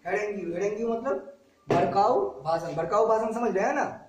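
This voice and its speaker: A man's voice: sits high, expressive, brisk. A man teaching vocabulary to a class, repeating each word and its meaning and quizzing his students. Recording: very echoey classroom from far off.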